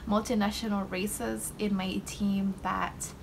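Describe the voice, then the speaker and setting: The audio is poor, with a little hiss or hum, as a young woman from Malaysia speaks in a creaky, mid-range voice. Hosting her budgeting channel, she counts cash at a desk indoors, shot from overhead showing desk and hands, talking slowly and relaxedly with many ums and likes.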